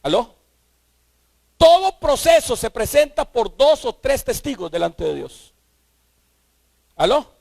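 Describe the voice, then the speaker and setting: A man preaching a sermon, emphatic, rising to shouts and repeating his key points. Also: very high voice, big pitch swings, takes it slowly, gravelly, pauses often, dry recording.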